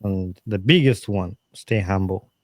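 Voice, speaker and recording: Speaking as a podcast guest, this man from Uganda has a slightly low voice and gives advice in an earnest, animated, casual interview style. His speech is full of restarts and fillers like "um" and "like." The audio sounds close and dry, with hardly any room present and no echo.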